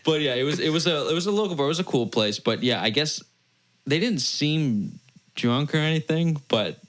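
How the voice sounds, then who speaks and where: A man's voice: fairly high pitch, animated, moderate pace, fairly bright tone. A young man from Massachusetts, co-hosting a podcast, tells a long rambling story in casual chat, correcting himself as he goes and acting out the other people's lines. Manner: rambling, self-correcting storyteller who acts out quoted voices. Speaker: podcast co-host.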